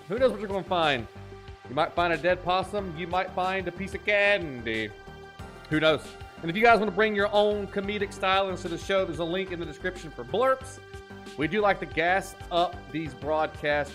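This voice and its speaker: High-voiced hyped-up male streamer. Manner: hypey, jokey, shouts catchphrases, drops into a deep mock-spooky voice. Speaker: live-streaming gaming host. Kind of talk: energetic live stream chat. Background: faint game music.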